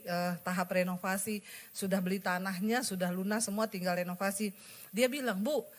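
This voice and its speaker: A high-pitched woman preaches, telling her story in an animated way and voicing each person she quotes. Soft music plays faintly under her sermon. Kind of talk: sermon testimony.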